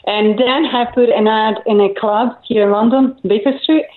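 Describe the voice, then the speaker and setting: A woman's voice: a little high, steady tone, normal speed, echoey room, phone-quality sound. A woman from Italy, a band leader on the line from London, chatting in a hesitant way with frequent laughs. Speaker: band leader, guest on phone. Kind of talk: casual interview chat. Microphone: phone line.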